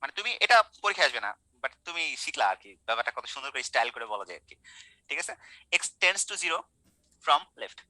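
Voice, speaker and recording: Young male math tutor, online class. Bright, fast delivery, keeps checking in with students. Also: mid-range voice, big pitch swings, dry recording, low-quality recording. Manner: colloquial, coaxing, quizzing students. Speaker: math teacher.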